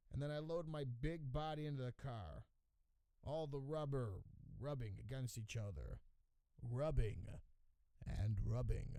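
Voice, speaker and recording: A man's voice: mid-range voice, mellow, dry recording. A man hosting a podcast, telling a comic story in a wry, exasperated and profane way. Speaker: podcast host. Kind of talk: comedic storytelling monologue.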